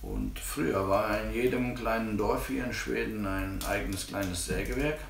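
A man in his fifties from Germany with a German accent, calmly explaining his sawmill work in a casual interview. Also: fairly low pitch, a little slow, vocal fry, a little hiss or hum. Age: 50s. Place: living room by a tiled stove. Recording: roomy and distant.

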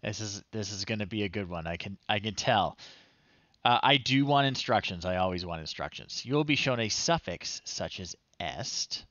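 A man in his thirties hosts a livestream, playing while he mutters wry, chatty commentary, thinks aloud, and reads screen text out. His voice sits on the low side and is animated at a moderate pace, recorded lo-fi with no echo.

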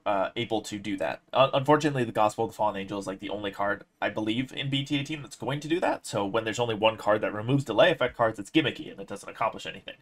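A young man giving casual, opinionated commentary on a card game, explaining his points in a measured way. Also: lowish voice, a bit bright. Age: young adult.

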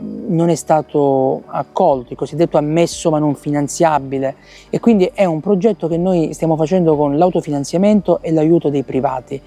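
Man, thirties, earnest, halting, lapel mic, outdoor square, faint music. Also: a little high, gravelly, warm tone. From Italy. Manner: earnest, with frequent fillers and restarts. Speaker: theatre project director. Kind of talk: promotional interview. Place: outdoor town square at night.

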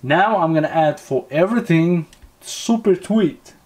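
Sitting at an indoor tabletop, a man with a higher voice gives a casual hands-on review as a vlogger. His intonation is lively and his tone darkish, and he thinks aloud in a halting, repetitive way.

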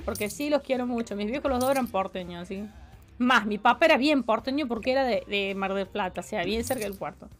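A woman's voice: fairly high pitch, brisk, soft background music. A woman in her forties with a Córdoba Argentine accent, chatting playfully with her viewers while she plays a game, humming sing-song fillers. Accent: Córdoba Argentine Spanish. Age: 40s. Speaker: streamer. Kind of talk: casual live-stream chat while playing.

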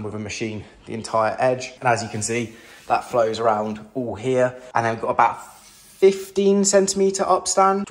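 A young man from England giving a casual, enthusiastic tour of his renovated house, filming by hand while walking through a large kitchen. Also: medium pitch. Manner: chatty, enthusiastic, casual slang. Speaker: home renovation vlogger. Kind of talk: casual home tour narration. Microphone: handheld phone camera, filming first-person while walking.

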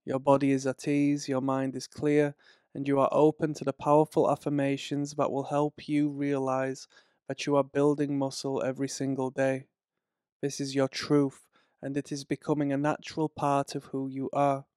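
A man reading a slow, soothing guided relaxation and hypnosis script in a measured way. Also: medium pitch, completely flat delivery, darkish tone, clear, resonant tone, dry recording, studio quality.

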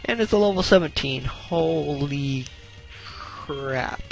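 A young man commentates a video game in a slightly high, unhurried voice, swearing and exclaiming as battles go against him. Faint game music plays behind his voice. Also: vocal fry. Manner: excitable, swears often, groans and exclaims at setbacks. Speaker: gameplay commentator. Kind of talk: casual gameplay commentary.

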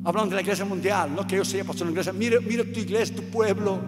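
A man preaches with fervor, his voice sitting unusually high. He drives home repeated phrases, rising to shouts. The sound rings with long hall reverb over faint music. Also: steady tone, fast. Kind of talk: sermon.

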